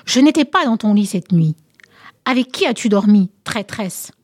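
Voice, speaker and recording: A woman reading the lines of a proud returning warrior king in a storybook tale, hushed when tender and shouting when he accuses. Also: medium pitch, animated, normal speed, no echo, clean studio sound, natural voice. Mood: furious.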